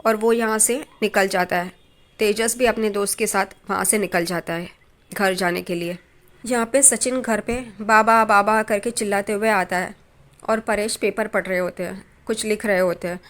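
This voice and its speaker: A woman's voice: medium pitch, fairly even intonation, moderate pace. A woman casually retelling a TV serial episode, speaking in plain storytelling with small restarts and reading lines of dialogue aloud. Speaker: TV serial recap narrator. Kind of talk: casual spoken episode recap.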